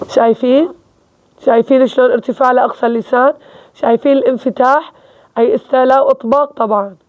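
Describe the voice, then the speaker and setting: High-pitched woman, Levantine accent, casual recitation teacher, explains step by step and checks in often. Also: fairly even intonation, fast talker, a little mellow. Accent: Levantine Arabic. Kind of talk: casual spoken lesson.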